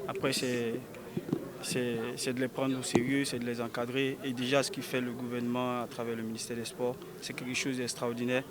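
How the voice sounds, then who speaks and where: A man's voice: medium pitch, monotone, fairly quick, background noise. A man gives a matter-of-fact interview outdoors. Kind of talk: press interview.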